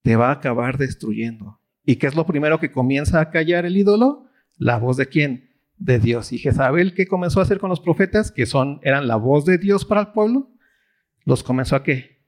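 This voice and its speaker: A man's voice: a little high, expressive, moderate pace. A man with a Mexican accent leading a Bible study, asking questions and letting listeners fill in the answers. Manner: asks questions and lets the audience fill in. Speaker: pastor teaching a Bible study. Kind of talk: sermon.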